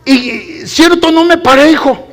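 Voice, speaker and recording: A man with a strikingly high voice preaches a sermon. He speaks fervently, fires off rhetorical questions and calls the congregation brothers. His delivery climbs toward shouted exhortation. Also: measured pace. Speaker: pastor.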